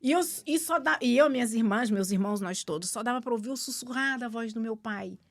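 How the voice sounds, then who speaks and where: A middle-aged woman with a Brazilian accent, a podcast guest who tells stories about her family in an animated way. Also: on the high side, brisk. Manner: animated storyteller, laughs often. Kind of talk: casual podcast conversation.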